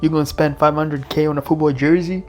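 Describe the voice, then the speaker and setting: A man with a slightly higher-pitched voice gives loose, slangy commentary as a podcast co-host. He keeps dropping "bro" and chuckles between his points, with a relaxed, conversational delivery. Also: quick pace, faint music behind.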